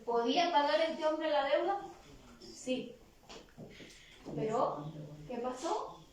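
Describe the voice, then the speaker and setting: A woman's voice: high voice, lively intonation, takes it slowly, darkish tone, a little hiss or hum. A woman with a Chilean Spanish accent giving an interactive sermon at a church retreat, asking the audience questions and leading call-and-response. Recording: echoey hall picked up from far off.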